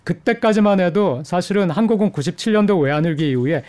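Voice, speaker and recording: Middle-aged male professor, slightly high voice, mellow, measured, hesitant fillers, interview guest. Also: animated. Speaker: economics professor, studio guest. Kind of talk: explanatory interview answers.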